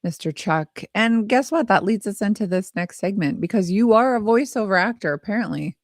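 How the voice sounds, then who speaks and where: A woman's voice: medium pitch, lively intonation, a little fast, no echo, clean studio sound. A woman co-hosting a casual radio show, bantering with short, supportive responses. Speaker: show co-host.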